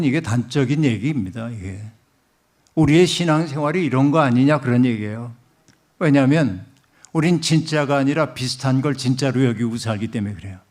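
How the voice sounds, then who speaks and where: A man's voice: mid-range voice, a little mellow. Middle-aged male pastor, storytelling sermon, speaks directly to the congregation, mid-range voice.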